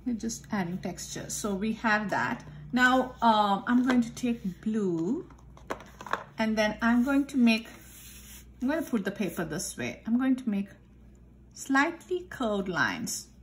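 A woman art teacher giving a step-by-step drawing lesson, calmly talking through each step as she draws at a desk. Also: on the high side, slow, a little hiss or hum. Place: indoors at a desk. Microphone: overhead camera filming the tabletop.

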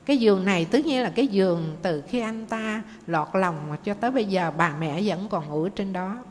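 Nun giving a talk. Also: female voice, medium pitch, normal speed. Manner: gentle, addresses students as children. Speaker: Buddhist nun teacher. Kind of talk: dharma talk with storytelling. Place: meditation monastery hall. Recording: faint noise, long hall reverb.

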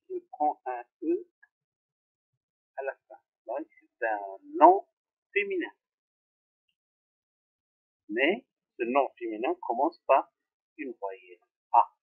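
A man teaching French grammar to pupils, repeating each example slowly. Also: gravelly. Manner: slow, repeating examples, very lively pitch. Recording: tinny phone-like sound.

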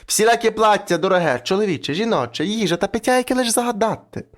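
Ukrainian male storyteller, somewhat high voice, lively folk-tale reading with voiced characters. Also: fast talker. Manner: acts out characters with shifting pitch. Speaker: narrator.

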